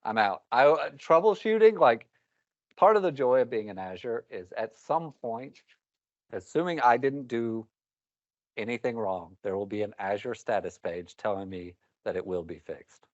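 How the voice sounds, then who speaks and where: A man's voice: on the low side, animated, normal speed, dry recording. A man presenting a technical talk to a live meetup audience, wry and rambling, with candid asides. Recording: dull, muffled meetup recording.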